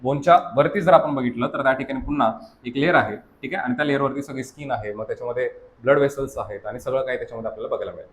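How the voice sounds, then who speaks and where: A man's voice: medium pitch, racing. A male science teacher with a Marathi accent, lecturing a class and constantly checking that students understand, mixing English terms into his explanations. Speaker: science teacher at a coaching academy.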